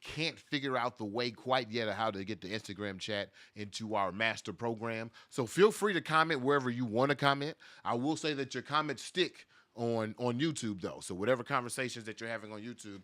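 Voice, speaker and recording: Male stream host, bright tone, relaxed and joking. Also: medium pitch, a little fast, hardly any pauses. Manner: loose, laid-back, joking. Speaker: show host. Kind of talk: casual live-stream talk.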